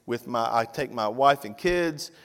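A man's voice: mid-range voice, expressive, unhurried, a bit bright. A man in his fifties, a pastor preaching a conversational sermon with frequent direct asides to the congregation. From Tennessee. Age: 50s. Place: church sanctuary. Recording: long reverb of a church hall.

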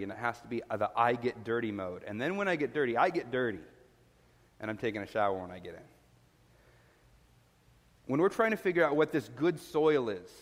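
Man preaching in a reverberant hall. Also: on the high side. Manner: earnest, explains word meanings, asks listeners questions. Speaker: pastor. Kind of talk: sermon. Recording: long reverb of a large hall.

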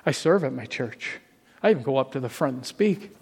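A man's voice: lively intonation, brisk, darkish tone, breathy edge. Earnest preaching man, echoing hall. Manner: builds to emphatic, higher-pitched peaks on key phrases; earnest, conversational preaching with repeated phrases. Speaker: pastor. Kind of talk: sermon.

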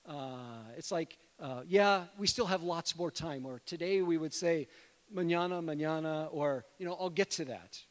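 Middle-aged male preacher, high voice, conversational sermon, long church reverb. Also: normal speed. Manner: conversational, addresses congregation as friends. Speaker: guest preacher, missionary. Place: church sanctuary.

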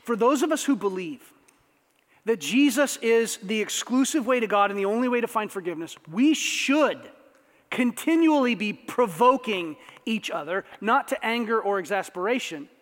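A man preaching a sermon as pastor, conversational and animated, with asides to the congregation. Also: high-pitched. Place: church sanctuary. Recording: long reverb of a church hall.

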